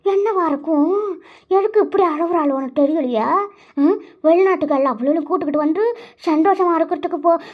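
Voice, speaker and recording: A woman's voice: extremely high pitch, dull audio. A woman voicing a gossipy village woman who scolds and banters.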